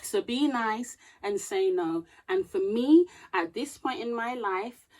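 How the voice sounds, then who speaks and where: Speaking slowly in a slightly high, darkish voice, a woman in her thirties lectures her camera with heartfelt advice. She reads from notes at times, and her delivery builds in intensity.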